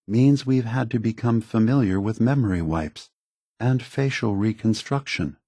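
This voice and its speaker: For a video game, an actor voices a calm, grave synthetic man who is a weary, scheming leader. His lowish voice is husky, measured and deliberate, carrying a cold, conspiratorial mood. The studio sound is clean with no echo.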